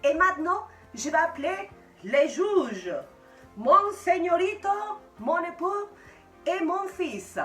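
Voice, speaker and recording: A woman from Mexico with a Mexican accent, hosting a casual cooking tutorial and chatting with viewers as friends, pausing often to search for words. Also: very high-pitched, very animated. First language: Spanish. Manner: chatty, addresses viewers as friends, frequent hesitations. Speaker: home cook host. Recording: roomy, from mic distance, faint music.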